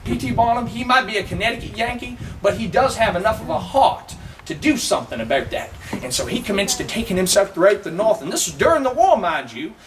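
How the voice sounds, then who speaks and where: Southern guy doing a living history yarn outside, real lively swoopy voice, mic kinda far off. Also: high voice, a little hiss or hum. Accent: Southern American. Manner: folksy, teasing, drawn-out delivery with audience asides. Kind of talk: first-person historical storytelling. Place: outdoors at a historic site.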